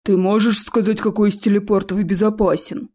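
A steady, conciliatory troll speaks in slow, measured phrases and tries to smooth things over, voiced by a woman. He is a loyal friend of the clan in a fantasy audiobook. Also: medium pitch, natural voice. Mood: calm. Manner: measured, peacemaking. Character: calm conciliatory male troll.

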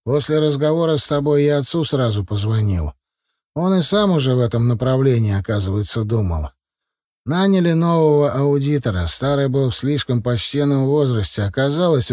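A man's voice: mid-range voice, a little mellow, no echo, studio quality, lightly acted. A man voicing an earnest young heir of a family business in an audiobook, speaking in a confiding tone.

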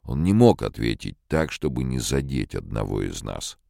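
A man voicing a stern, measured older research director in an audiobook. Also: rumbling low, vocal fry, no room sound, clean studio sound, exaggerated voice. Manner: flat, measured.

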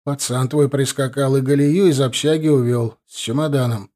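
A man reading as a dormitory warden who talks apologetically at first and then turns sly and amused. He sounds like a relaxed friend sharing gossip. The voice stays at a plain middle pitch. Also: normal speed, close to an everyday voice. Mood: apologetic. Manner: apologetic, then wry and chuckling.

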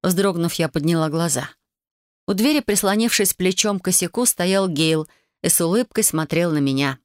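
A woman reading a first-person novel aloud in an even, measured storytelling manner. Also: fairly low pitch, dry recording, clean studio sound. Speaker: audiobook narrator. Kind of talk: first-person scripted narration.

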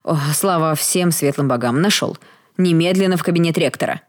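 A woman voicing a nervous, noisy young male secretary who calls out loudly and urgently in a storybook reading. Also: deep voice, a little fast, no room sound, studio quality, close to an everyday voice. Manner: loud, urgent calling out.

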